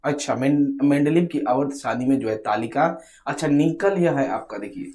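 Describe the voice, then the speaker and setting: A man leads an exam-preparation lesson in a coaching tone, talking straight to his viewers. He poses a question, then answers it himself, going over the same point several times. His voice sits at an ordinary middle pitch. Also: moderate pace, dark tone. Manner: repetitive, keeps asking rhetorical questions then answering; addresses viewers directly in a coaching tone.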